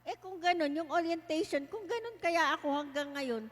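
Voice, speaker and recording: A woman sharing a testimony in casual storytelling style, lively and laughing often as she talks. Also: very high-pitched, moderate pace, in a large hall. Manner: lively, laughs often while telling stories.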